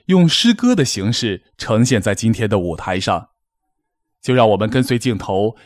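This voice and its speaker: A man's voice: mid-range voice, no room sound, clean studio sound. A man hosting a formal gala, delivering a scripted, poetic address in a solemn, declamatory manner. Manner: declamatory, solemn, measured phrasing. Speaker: gala host, master of ceremonies.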